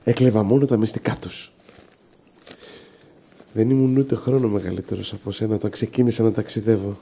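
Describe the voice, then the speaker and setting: An actor playing a gentle father and lifelong wanderer in an audio drama, speaking calmly and slowly in a confiding way. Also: on the low side, vocal fry, slight background noise. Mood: wistful.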